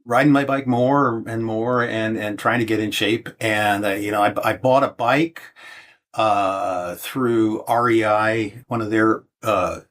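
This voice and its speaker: The guest here is a seventy-year-old American man whose casual interview answers are hesitant and full of fillers and restarts. His voice runs on the low side, fairly bright, with a steady tone and measured pace.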